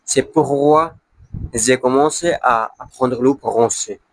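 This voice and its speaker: A man who is a beginner learner, speaking broken French with a non-native accent in a casual monologue, halting to search for words and repeating them. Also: medium pitch, no room sound. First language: not French, a beginner learner of French. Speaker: language learner.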